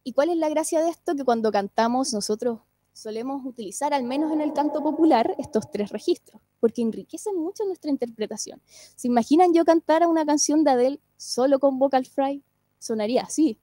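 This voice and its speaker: A woman with a high, soft-toned voice lectures on singing and vocal care. She explains patiently and keeps checking in with her listeners. The sound is close and dry, with no room around it. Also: animated, brisk, no echo. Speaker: singing teacher and speech therapist. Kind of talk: online lecture.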